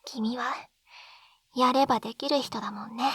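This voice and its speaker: Speaking close to a binaural dummy-head microphone with no echo, a woman performs an intimate Japanese ASMR roleplay as a shy, tender schoolgirl in love, reunited from another world. Her voice is on the high side and fairly bright with fairly even intonation; the mood is tender and intimate, the manner breathy and halting, often falling to whispers.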